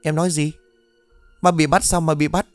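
A man's voice: medium pitch, moderate pace, no echo, faint music behind, voice pushed up, natural voice. A man voicing a frantic, tearful young village woman in a spooky audio story. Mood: panicked.

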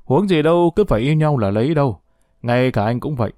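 A man's voice: a little high, animated, moderate pace, dark tone, no room sound, natural voice. Man doing a tearful young daughter, pleading tone, storybook reading, dry close sound. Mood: anxious.

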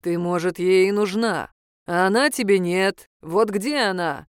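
A woman voicing a gruff, mocking male reaper who speaks curtly and drily. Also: medium pitch, unhurried, no echo, close to an everyday voice. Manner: dry, sarcastic, curt. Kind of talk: audiobook character voice.

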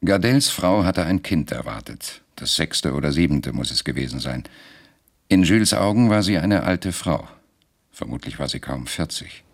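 A man narrating a radio drama in a measured, deliberate storytelling manner. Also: very deep voice, animated, creaky.

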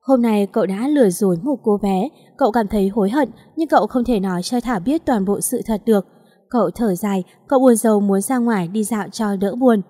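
A woman reading an audio story in a calm, steady voice. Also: mid-range voice, a little fast. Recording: long reverb.

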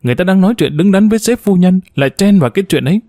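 A man's voice: high voice, animated, rapid-fire, mellow, no room sound, studio quality, pitched above the performer's own voice. A man doing a cheeky driver. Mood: teasing. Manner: teasing. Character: cheeky joking male driver.

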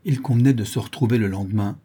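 A man voicing a rough, loyal Parisian ex-brawler who rambles in street slang. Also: fairly low pitch, quick pace, mellow. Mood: confiding.

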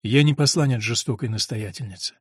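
A man voicing a calm young nobleman who speaks slowly, softly and soothingly. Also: medium pitch, husky, no room sound, studio quality, voice pushed down, lightly acted. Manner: slow, soft, soothing.

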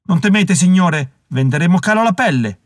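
A man's voice: high-pitched, expressive, brisk, no room sound, studio quality, voice pushed up. A man doing a scared, blustering coachman. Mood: tense. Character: tipsy, scared servant coachman.

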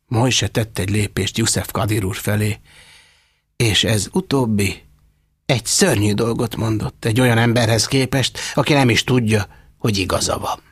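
A man narrating an audiobook in a wry, expressive storytelling manner. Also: lowish voice, husky, no echo, studio quality. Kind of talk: scripted narration.

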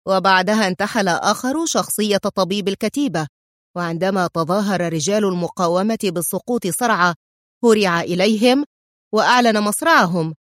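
A woman narrating a story as an audiobook, in a steady and measured storytelling manner, close to the mic. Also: mid-range voice, dry recording.

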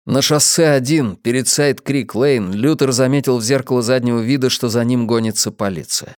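Male audiobook narrator, measured, steady, mid pitch, dry close recording. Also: dry recording. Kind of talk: scripted narration. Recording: dry close studio sound.

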